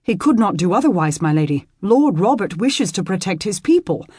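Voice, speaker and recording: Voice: mid-range voice, sing-song, normal speed, dark tone, breathy edge, no echo, clean studio sound, voice pushed up. A narrator voicing an earnest, loyal teenage squire speaking in formal old speech. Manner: formal, dutiful.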